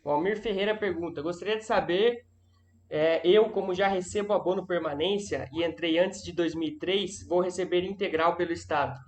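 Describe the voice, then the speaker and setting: High-voiced man reading viewer questions. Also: normal speed. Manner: brief acknowledgments between questions. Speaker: live show moderator.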